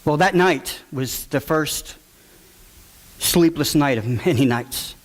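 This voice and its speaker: Guy telling his own story to a crowd, kinda high voice, raw and emotional, bit of hiss. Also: takes it slowly. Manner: acts out voices in quotes, shouting at times. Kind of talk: personal testimony to an audience.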